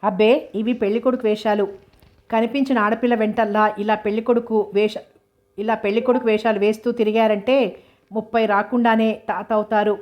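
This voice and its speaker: A woman voicing a spirited young woman who answers back in a storybook reading, with a flat, level delivery. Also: on the high side, a little fast, highs cut off, natural voice. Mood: mock serious. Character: spirited young woman Shalini, quick-witted.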